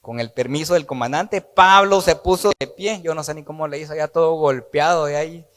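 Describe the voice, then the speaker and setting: A man preaching a sermon, lively and conversational, acting out the dialogue of the story with playful asides. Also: a little high, brisk, long reverb tail. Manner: animated, acts out dialogue with jokey asides.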